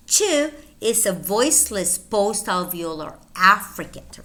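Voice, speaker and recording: Slow, bright-voiced woman teaching pronunciation. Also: on the low side. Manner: drills words one by one, repeating each; explains terms patiently with everyday examples. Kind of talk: recorded pronunciation lesson.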